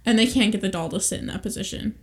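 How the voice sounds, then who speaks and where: A young woman co-hosting a casual true-crime podcast, telling a story in a chatty, giggly, animated way. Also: mid-range voice, very fast. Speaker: podcast co-host.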